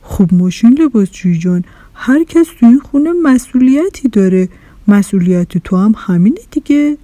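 A woman voicing a kind, caring kitchen fridge in a children's story, with a gentle, reassuring manner. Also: medium pitch, no echo, close to an everyday voice. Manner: gentle, reassuring, a little louder. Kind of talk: storybook character voice.

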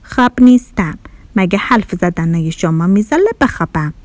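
A woman's voice: mid-range voice, darkish tone, dry recording, close to an everyday voice. A woman voicing a grumpy, lazy washing machine in a children's story, sulky and complaining. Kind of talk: storybook character voice.

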